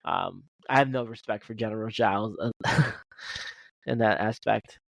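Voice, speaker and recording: A man's voice: lowish voice, a little slow, vocal fry, dry recording, rough recording. A man co-hosting a casual podcast, rambling with many restarts and fillers. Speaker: podcast co-host. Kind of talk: casual chat.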